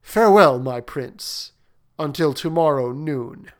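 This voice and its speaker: A man reading a storybook, voicing a stern, hot-tempered king who booms out loud commands. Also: animated, slow pace. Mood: roaring.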